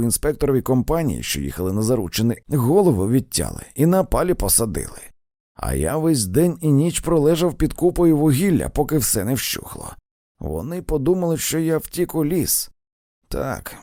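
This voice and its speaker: A man's voice: medium pitch, dark tone, no room sound, clean studio sound. A man reading an audiobook, voicing a male railroad engineer who tells of his adventures and keeps bragging about his luck. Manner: storytelling, boastful of his luck.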